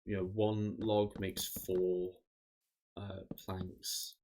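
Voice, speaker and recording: A man streaming a game, chatting casually and rambling with frequent restarts, his voice tired and going hoarse. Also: low-pitched, level tone, drawn-out words, dark tone, a little hiss or hum. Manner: rambling, self-interrupting, swears casually. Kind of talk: casual gameplay chat.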